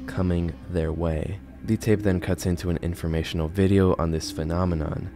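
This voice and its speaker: A man in his twenties hosts a YouTube horror video, delivering casual scripted commentary in a low, mellow voice with a steady tone at normal speed. He sits indoors in a bedroom, close to a studio microphone on a boom arm.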